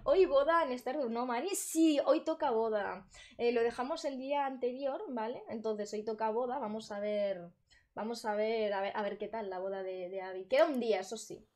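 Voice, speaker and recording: A woman from Spain chatting casually with her viewers on a live stream from a bedroom, bubbly and laughing often, with loud sudden exclamations. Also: a little high, moderate pace. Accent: Spain Spanish. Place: bedroom at her grandmother's home.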